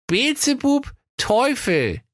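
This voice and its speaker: A man voicing a cheeky, swaggering male schnitzel hero in a brash, mocking falsetto, for a comic storybook tale. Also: wildly swooping pitch, slow, fairly bright tone, no room sound, clean studio sound, exaggerated voice.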